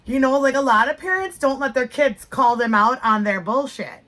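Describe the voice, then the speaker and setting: Frank, laughing woman with a bright voice. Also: sits high, normal speed. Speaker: podcast co-host. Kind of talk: casual chat.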